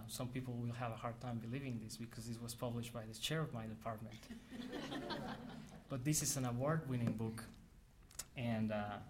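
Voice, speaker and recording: A Mexican man with a medium-pitched voice gives an academic lecture, earnest and measured, often restarting his sentences. There is background noise.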